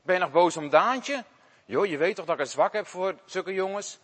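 A man voicing a kind, patient schoolteacher who speaks in a gentle, coaxing way. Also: sits high, lively intonation, normal speed, slightly rough, full character voice. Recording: long hall reverb.

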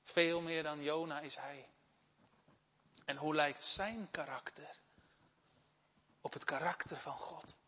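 A man Urk, preaching an earnest sermon that swells into loud, impassioned appeals to the congregation. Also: a little high, steady tone, slow pace, long pauses, breathy edge. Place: church. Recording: long church reverb.

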